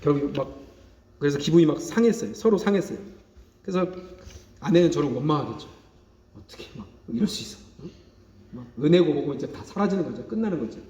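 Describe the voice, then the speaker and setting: A man's voice: on the high side, animated, fast, pauses often, dark tone. A male pastor preaching a sermon, stressing key phrases by saying them twice and calling out hallelujah. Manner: emphatic preaching, repeats key phrases, calls out hallelujah for responses. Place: church sanctuary. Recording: echoey hall, dull lo-fi sound.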